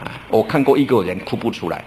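A middle-aged male pastor preaching a sermon in a relaxed, storytelling way, drawing out his sentence-end particles. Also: fairly low pitch, fast, a little hiss or hum. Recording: roomy church recording with faint ambience.

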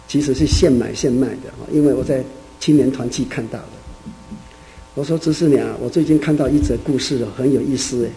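A man, a church elder, preaching by telling a folksy story with drawn-out, chatty phrasing. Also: mid-range voice, vocal fry, mellow, a little hiss or hum, low-quality recording. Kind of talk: sermon storytelling.

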